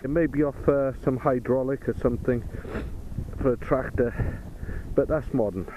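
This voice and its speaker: A man's voice: medium pitch, fairly even intonation, normal speed. A man giving casual, hesitant field commentary as a metal detecting host, musing aloud outdoors. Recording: muffled audio with outdoor background noise.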